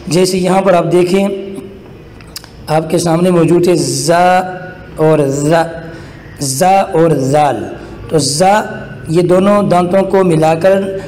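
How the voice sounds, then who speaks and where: A man from Pakistan teaching a recorded lesson on reading Arabic letters, patient and slow as he draws out each letter sound. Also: fairly high pitch, steady tone, dark tone, echoey room, big-room sound, slight background noise.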